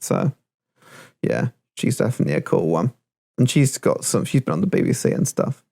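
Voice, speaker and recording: A man hosting a casual podcast, his voice gravelly with fry at mid pitch. He rambles through stories, searching for names as he goes. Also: big pitch swings, moderate pace, a little mellow. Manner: rambling, laughs while quoting clips. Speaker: podcast host. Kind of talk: casual chat.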